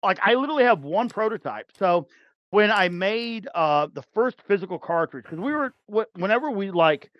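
A man with a high voice chats loosely as a podcast guest, circling back with fillers and restarts and laughing often. The sound is dry and a bit muffled. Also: animated, moderate pace, dry recording. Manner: rambling, many fillers and restarts, laughs easily. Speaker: podcast guest, game developer. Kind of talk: casual chat.

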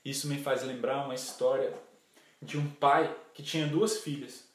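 A man's voice: medium pitch, steady tone, normal speed, a little hiss or hum. A man preaching a sermon, earnest and full of questions to his listeners. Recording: echoey room.

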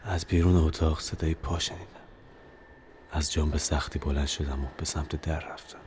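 A young man narrates a serialized horror story in the first person. His voice sits extremely low. His delivery is dramatic and tense. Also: steady tone, darkish tone, slight background noise. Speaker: narrator and author.

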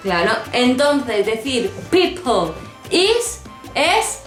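A woman's voice: high-pitched, big pitch swings, very slow, roomy sound, faint music behind. A woman, co-hosting a casual English lesson in a playful, joking manner. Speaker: co-host teaching English.

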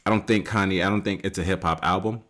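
A man in his late thirties hosting a solo podcast, talking casually and rambling with many fillers and restarts, rising loud and high when he makes a point. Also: steady tone, fast. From United States. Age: 30s. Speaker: podcast host.

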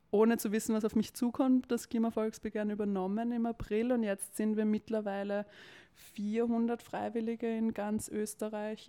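A woman's voice: on the low side, warm tone. A young woman with a Viennese accent, talking casually as an interview guest, with frequent fillers. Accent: Viennese Austrian German. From Vienna, Austria. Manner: talkative, many fillers, occasional laughs. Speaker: interview guest, campaign spokesperson.

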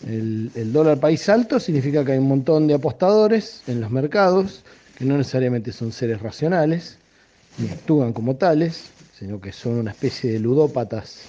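A man's voice: medium pitch, expressive, moderate pace, mellow, dull audio. A man with an Argentine accent, an economist, explaining bluntly in a phone interview. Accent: Argentine Spanish.

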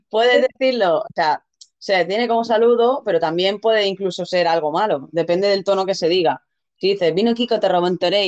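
This woman from Mallorca laughs a lot while casually explaining the island's expressions, acting as a teacher of local sayings. She speaks in a mid-range, slightly mellow voice, captured on a muffled recording.

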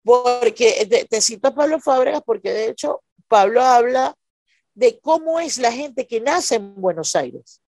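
Appearing on a podcast, a Venezuelan stand-up comic from Maracaibo shares stories in an explanatory, conversational interview, frequently making sure she's being followed. She speaks in an expressive, unhurried, slightly high voice with a darkish tone, recorded in studio quality with no echo.

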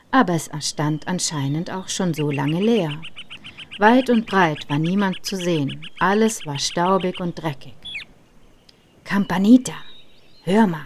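A woman in her thirties narrating a personal travel story in a calm, reflective way. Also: fairly low pitch. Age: 30s. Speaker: podcast narrator.

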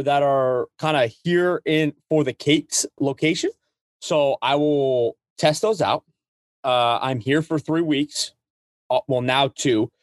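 A man's voice: medium pitch, no echo. Guy on a podcast chatting casually, kinda hyped and playful, dry close audio. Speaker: podcast co-host.

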